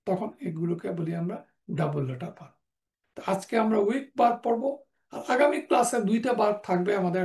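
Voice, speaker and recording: A man teaches grammar at a measured pace, repeating each example word. His voice has a gravelly edge. The recording picks up the echo of the room. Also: high voice, darkish tone. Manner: slow, deliberate explanation, repeating example words. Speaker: Quranic Arabic teacher.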